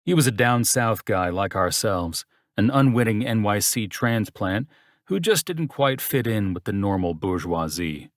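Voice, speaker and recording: Low-voiced male audiobook narrator, dry sound. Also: lively intonation, a little slow, no room sound. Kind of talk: first-person audiobook narration.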